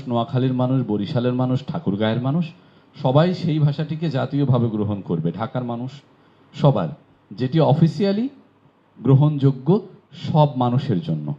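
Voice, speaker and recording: A man from Bangladesh teaching pronunciation in a classroom lecture, explaining patiently and asking rhetorical questions. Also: mid-range voice. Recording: dull lo-fi recording.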